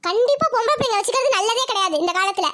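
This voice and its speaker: A woman's voice: extremely high pitch, expressive, racing, fairly bright tone, slight background noise. A woman voicing a suspicious, scolding village mother. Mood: firm. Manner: scolding, suspicious, rural Tamil speech. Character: anxious strict village mother, middle-aged woman. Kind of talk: cartoon voice acting.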